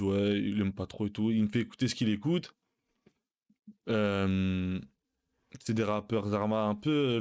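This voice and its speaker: Slangy young man telling a story. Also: on the low side. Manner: slangy, animated, addresses listeners as brothers. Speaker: live streamer. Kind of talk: casual anecdote telling.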